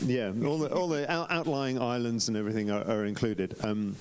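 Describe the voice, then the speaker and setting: A man critiques competition photographs on a club live stream, chatty and prone to self-correction, with many ums and restarted sentences. His mid-range voice has a darkish tone and stays steady at a fairly quick pace, over a slight hiss or hum.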